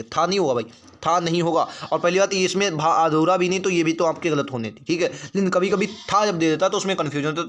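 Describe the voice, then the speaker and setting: Brief: male online tutor, high voice, drills answers by repetition, rhetorical questions. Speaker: exam prep teacher. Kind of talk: online spelling class.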